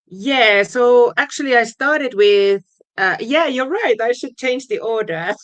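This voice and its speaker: A woman's voice: fairly high pitch, expressive, unhurried. A woman from Finland with a Finnish accent, chatting about her music path as an interview guest, with fillers and frequent laughs. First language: Finnish and Swedish. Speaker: guest DJ and producer. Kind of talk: casual interview chat.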